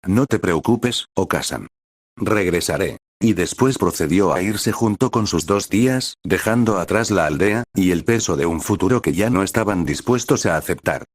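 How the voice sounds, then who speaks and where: A man narrating a dramatized fan fiction story in a steady, solemn way. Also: low voice, normal speed, few pauses, dry recording, clean studio sound.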